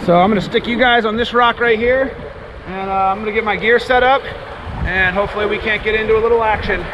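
A man's voice: sits high, steady tone, fast, highs cut off, background noise. A man in his thirties talking casually to an action camera outdoors on a rocky ocean jetty, explaining as he goes in an easygoing, chatty way. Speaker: fishing vlogger. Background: music under the talk.

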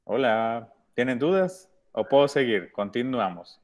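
A man's voice: mid-range voice, lively intonation, a little slow. A man teaching an English lesson to young children, speaking patiently and repeating words often. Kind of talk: online class instruction.

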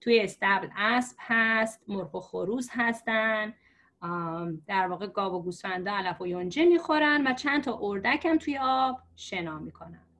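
A woman teacher telling a story to explain letters, patient and slow, with many fillers. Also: medium pitch, a bit bright. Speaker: religious script teacher. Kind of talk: storytelling lesson for learners.

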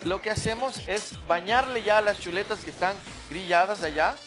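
A man cooking on a TV studio set, walking viewers through a recipe in a steady, instructive way. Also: sits high, normal speed, faint music behind. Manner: steady, instructive, gives tips. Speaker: TV cooking guest chef. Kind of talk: cooking demonstration.

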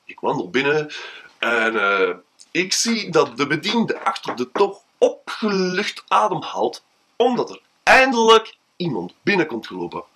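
A man telling an anecdote theatrically, with drawn-out, dramatic pauses. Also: on the high side, wildly swooping pitch, sharp tone, low-quality recording. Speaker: storyteller. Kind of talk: told anecdote with a moral.

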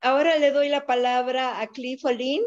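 A middle-aged woman hosting an online art exhibition, with a measured, slightly formal delivery. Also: sits high, fairly even intonation. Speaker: gallery host and painter. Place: home room. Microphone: video call, camera a few feet away. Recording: dull lo-fi video call audio.

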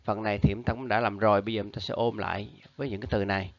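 A man teaching an English review lesson to schoolchildren, reading the options out slowly and patiently, with a Vietnamese accent. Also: lowish voice, steady tone, no echo, highs cut off. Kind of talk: recorded lesson for pupils.

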